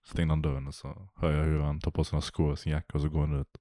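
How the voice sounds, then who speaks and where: Podcast co-host, male, low voice, dry close mic, laid-back storyteller. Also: flat delivery, warm tone, no room sound. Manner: laid-back, rambling, laughs often. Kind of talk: casual chat, storytelling.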